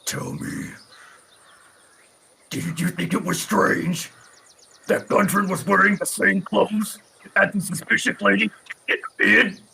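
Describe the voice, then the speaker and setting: A man voicing an angry, looming male warrior in a tabletop game, his mic crackling and cutting out as he gets loud. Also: high-pitched, steady tone, slow pace, creaky, long pauses, voice pushed up, full character voice. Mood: angry interrogation. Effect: mic cutting out with crackles when he gets loud. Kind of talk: in-character tabletop roleplay. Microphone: home computer mic over a voice chat.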